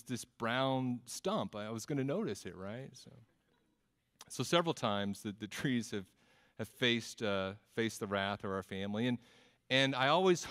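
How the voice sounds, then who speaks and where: A man's voice: medium pitch, a bit bright. Man preaching in a reverberant hall. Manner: conversational, frequent stammered repeats, self-deprecating humor. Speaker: pastor. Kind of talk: sermon.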